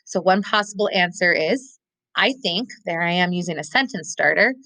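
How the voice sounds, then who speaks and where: A woman teacher giving a recorded lesson, thinking aloud step by step and slowing down to stress key words. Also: lowish voice, animated, sharp tone, dry recording, poor audio. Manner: models thinking aloud, slows to stress keywords.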